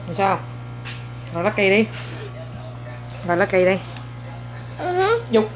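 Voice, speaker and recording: A young woman, a mother filming a casual home vlog, coaxing, teasing and gently scolding her child while talking to viewers. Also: mid-range voice, fairly even intonation, takes it slowly, loud music behind the voice.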